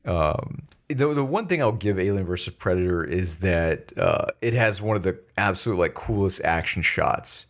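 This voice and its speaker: Deep gravelly man on a podcast. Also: animated. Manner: halting, thoughtful, many fillers. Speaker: podcast co-host. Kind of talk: casual podcast chat.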